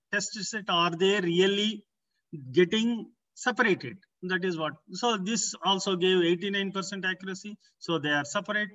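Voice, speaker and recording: A man giving an academic research presentation, explaining in short, halting phrases as a conference presenter. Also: high-pitched, sharp tone, highs cut off. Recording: distant, far from the microphone.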